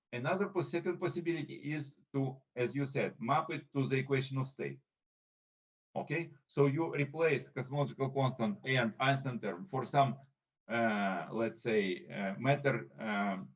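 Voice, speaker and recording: Man giving a halting conference talk. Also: mid-range voice, muffled recording. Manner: halting, hesitant phrasing with frequent pauses. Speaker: invited speaker.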